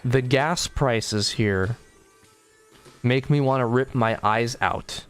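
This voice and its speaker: A man's voice: medium pitch, takes it slowly, fairly bright tone, clear, resonant tone, soft background music. A man co-hosting a podcast late at night, sleepy and yawning, talking in a rambling, sarcastic way with lots of fillers. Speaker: podcast co-host. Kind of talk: casual chat.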